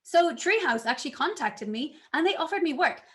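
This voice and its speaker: A woman giving a conference talk, telling her story in an animated way and acting out her own past reactions. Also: high voice, brisk. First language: not English. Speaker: conference speaker.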